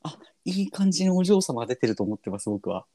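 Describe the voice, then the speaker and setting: A man's voice: a little high, big pitch swings, fast talker, warm tone, dry recording, clean studio sound. A man chatting casually as a podcast guest, humble and polite with mock-formal turns of phrase. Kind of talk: casual chat.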